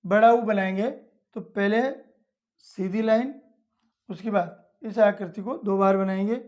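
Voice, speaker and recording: A woman's voice: mid-range voice, steady tone, a little slow, darkish tone. A woman teaching young children, explaining each step patiently and repeating it plainly. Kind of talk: slow step-by-step lesson for children.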